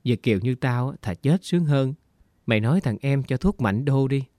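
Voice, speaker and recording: A man's voice: mid-range voice, animated, normal speed, warm tone, no echo, clean studio sound, lightly acted. A man reading as a frail, homesick woman. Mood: grateful. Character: frail homesick middle-aged woman, ill.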